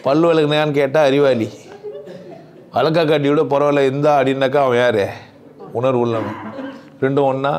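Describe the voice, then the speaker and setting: A man's voice: medium pitch, steady tone, a little fast, pauses often, darkish tone. Blunt man lecturing with rhetorical questions. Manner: blunt, teasing, asks the audience questions and answers them himself. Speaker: speaker at a spiritual gathering.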